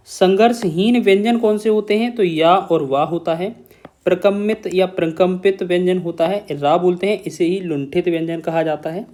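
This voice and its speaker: A man's voice: high-pitched, darkish tone. A man teaching an exam-prep grammar lesson, explaining step by step, repeating key terms and often checking in with his students.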